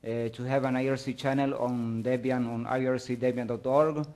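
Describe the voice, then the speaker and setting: A man gives a technical conference talk, guiding the audience through his slides. His speech is halting, with frequent pauses and restarts as he hunts for words. His pitch is ordinary middle range for a man, with a level tone and a slightly mellow quality.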